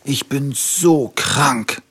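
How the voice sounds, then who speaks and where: A man's voice: mid-range voice, vocal fry, fairly bright tone, husky, voice pushed up, exaggerated voice. A man doing a whiny little tiger cub. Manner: drawn-out, pitiful pleading. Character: little male tiger cub, whiny, feeling sorry for himself.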